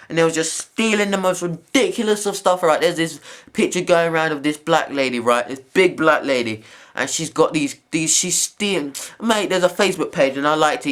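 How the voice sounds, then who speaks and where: A man's voice: medium pitch, a bit bright. A young man, giving a heated, repetitive rant to camera in a video blog. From England. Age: young adult.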